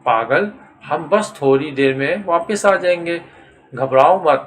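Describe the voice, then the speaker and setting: A man voicing a calm young man who reassures his frightened friends. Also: on the high side, natural voice. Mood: reassuring.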